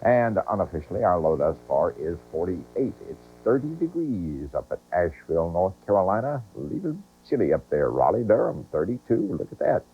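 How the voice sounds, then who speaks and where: A weatherman talks through the forecast in a very deep, husky voice, dropping in chatty asides. The sound is thin and phone-like, from old broadcast tape. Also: very animated, a little fast, hardly any pauses.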